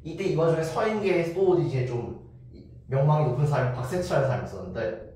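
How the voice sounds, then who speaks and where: Male history lecturer, chatty storyteller who acts out quotes; slightly high voice, distant mic. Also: expressive, quick pace, warm tone. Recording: very echoey room, voice from far off.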